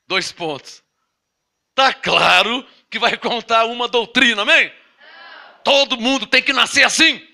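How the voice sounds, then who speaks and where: Pastor guy preaching, really high bright voice, gets folks to repeat after him, drags out the big words. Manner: teaching, asks congregation to repeat and read along; slow emphatic stress on key words, then quick asides. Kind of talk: sermon.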